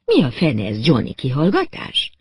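A man reading an audiobook, voicing a cool, hard-edged seductive woman in a slow, purring, deliberate way. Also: medium pitch, huge pitch swings, husky, no room sound. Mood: irritated.

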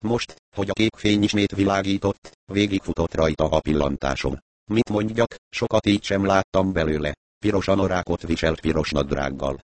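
Deep-voiced man narrating an audiobook. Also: no room sound. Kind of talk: first-person audiobook narration.

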